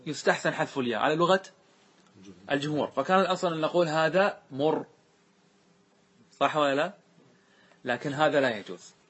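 Husky man teaching grammar. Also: fairly high pitch, fairly quick, pauses often, a bit bright. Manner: questioning, checks understanding often. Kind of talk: classroom grammar lesson.

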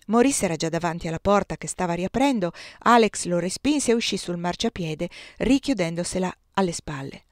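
Woman reading a novel aloud, soft n measured, dry close mic. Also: fairly low pitch, animated, no echo. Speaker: reader. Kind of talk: literary audiobook reading.

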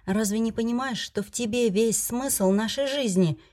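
A woman voicing a devoted young male dragon lord who coaxes and pleads softly. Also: fairly high pitch, normal speed, natural voice. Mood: pleading. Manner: soft, coaxing pleading.

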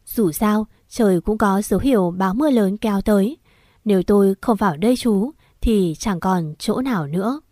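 A woman narrating a scripted first-person horror story in a steady, emotional storytelling manner. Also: mid-range voice, moderate pace, no room sound, studio quality.

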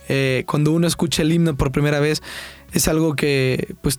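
A man's voice: on the high side, a little mellow. Young Salvadoran man hosting a sports talk show. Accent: Salvadoran Spanish. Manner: casual and chatty, with many fillers and restarts.

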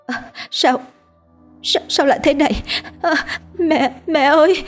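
A woman voicing a distraught nineteen-year-old girl, high-pitched and wailing through sobs. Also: a little slow, faint music behind. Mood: shocked.

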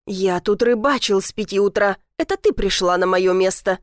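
A woman voicing a dry-witted police officer in his thirties in an audiobook, calm, mocking and unbothered. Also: medium pitch, normal speed, no room sound, natural voice. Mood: defensive. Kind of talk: audiobook character voice.

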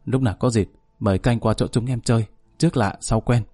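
Brief: man playing an easygoing bar owner talking his way out, mid-pitched. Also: fairly quick, warm tone, slightly rough, dry recording, natural voice. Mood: ingratiating. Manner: ingratiating. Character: smooth-talking man bargaining with police.

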